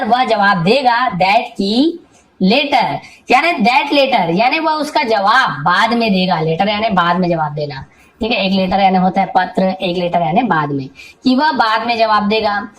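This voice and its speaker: A woman teaching English reading in Hindi, reading each English phrase slowly and then explaining it word by word, often asking and answering her own questions. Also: medium pitch, poor audio. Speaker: English tutor.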